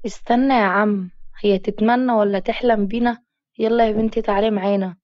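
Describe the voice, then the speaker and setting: A woman's voice: medium pitch, steady tone, fairly quick, no room sound, dull audio, natural voice. A woman with an Egyptian accent voicing a rude young street harasser with a mocking, taunting manner.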